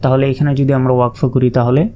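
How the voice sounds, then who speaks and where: Man, Quran reading lesson, very dark mellow tone, flat steady pitch, letter-by-letter spelling, long drawn-out vowels. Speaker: Quran recitation teacher.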